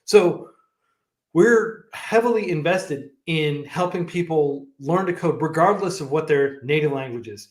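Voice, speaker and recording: The founder of a coding nonprofit, guesting on a livestream, speaks at a measured pace in a fairly high voice. He's loose and talkative, with many fillers, restarts and frequent laughter, recorded in an echoey room.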